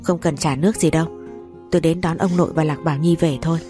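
A woman's voice: sits low, fairly even intonation, fast talker, dark tone, soft background music, close to an everyday voice. A woman voicing a curt, cold young man in a storybook reading.

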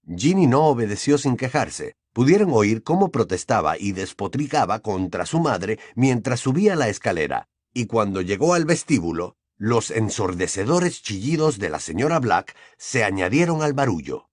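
A man narrating an audiobook in an expressive storytelling manner. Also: fairly low pitch, normal speed, dry recording, studio quality. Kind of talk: scripted narration.

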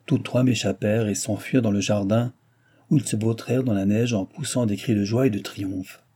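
A man reading a classic novel aloud as an audiobook narrator, in a measured, steady, literary way. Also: on the low side, a little hiss or hum.

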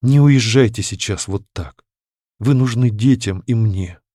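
A man reading a storybook voicing a brooding middle-aged widower who speaks low, slow and softly, slightly slurred. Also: no echo, studio quality. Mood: repentant.

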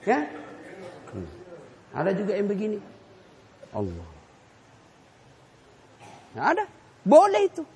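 Animated preacher. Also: male voice, sits high, normal speed, creaky, pauses often, slight background noise. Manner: animated, rhetorical questions to the audience, joking. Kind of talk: lively Islamic sermon. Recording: echoey hall reverb.

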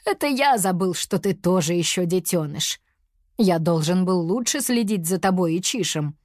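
Сказочный персонаж: женщина озвучивает ворчливого наставника-мужчину, поучает, интонация подвижная, запись сухая. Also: female voice, lowish voice, animated, moderate pace, darkish tone, dry recording, clean studio sound. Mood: earnest. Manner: lecturing, grumbling. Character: fussy preachy male mentor, grumbling. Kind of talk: storybook character voice.

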